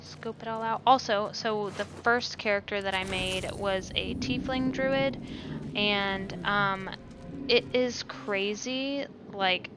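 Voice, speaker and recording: A woman's voice: mid-range voice, takes it slowly, music in the background. A woman giving casual, chatty gameplay commentary as she hosts her own playthrough. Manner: chatty, reads choices aloud. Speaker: gamer, playthrough host.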